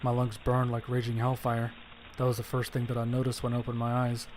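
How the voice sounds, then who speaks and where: In a scripted horror audio drama, a man plays an injured survivor narrating his own story with somber, descriptive storytelling and casual profanity. His mid-range, darkish voice is natural, monotone and a little fast, captured on a rough recording with slight background noise.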